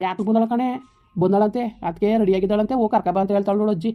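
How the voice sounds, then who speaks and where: A woman's voice: medium pitch, steady tone, close to an everyday voice. Woman playing an indignant daughter. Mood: furious. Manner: indignant, scolding, rapid-fire rhetorical questions. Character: fed-up grown daughter furious at her family. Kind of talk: village family comedy skit. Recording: tinny phone-like audio.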